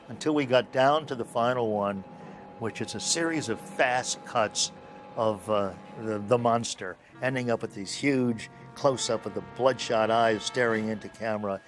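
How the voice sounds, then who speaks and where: An older male film producer telling animated interview anecdotes and acting out the dialogue. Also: on the low side. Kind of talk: interview storytelling.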